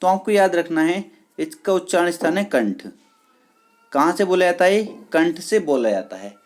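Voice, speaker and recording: A teacher giving an online exam-prep lesson, repeating key words slowly and checking with the class whether it is clear. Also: mid-range voice, expressive. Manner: addresses viewers as friends, patient and repetitive.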